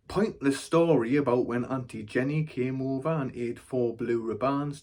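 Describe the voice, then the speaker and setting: Wry man. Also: medium pitch. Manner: wry, dry storytelling. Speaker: actor. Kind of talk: theatrical monologue.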